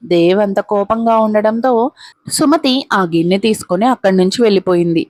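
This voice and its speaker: Female storyteller for a serialized audio drama, steady and dramatic, mid-pitched, dry close sound. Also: a little fast, dry recording. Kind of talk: scripted audio-story narration.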